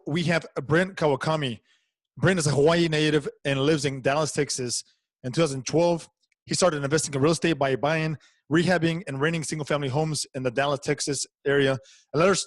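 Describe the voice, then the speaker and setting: A man's voice: on the high side, dry recording. A man hosting a podcast interview, friendly and a bit hesitant, with lots of filler words. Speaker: podcast host.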